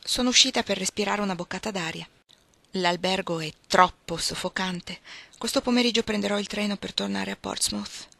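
A poised young countess with a wry, amused lightness, read by a woman. The tone is bright and clear, and it sits close and dry on the mic. She sounds a touch hesitant beneath the ease. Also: medium pitch, moderate pace, no room sound. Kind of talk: audiobook dialogue reading.

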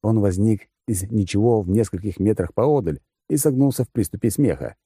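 Dark husky male storyteller. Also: fairly low pitch, lively intonation, fairly quick, dry recording, clean studio sound. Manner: wry, crude first-person telling. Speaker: audiobook narrator. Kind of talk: first-person story narration.

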